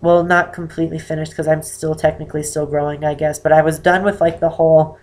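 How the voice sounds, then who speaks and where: Speaking fast with little pitch movement, an eighteen-year-old vlogger, a man whose voice is unusually high due to damaged vocal cords, chats personally to camera. He's in a dimly lit room indoors, rambling with frequent ums and correcting himself as he goes.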